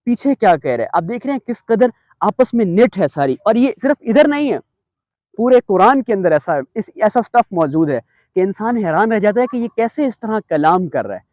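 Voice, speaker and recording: High-voiced man teaching Quranic structure. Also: sing-song, a little mellow, no echo. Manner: earnest, mixes English terms into Urdu, recites Arabic verses. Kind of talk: explaining Quranic verse structure.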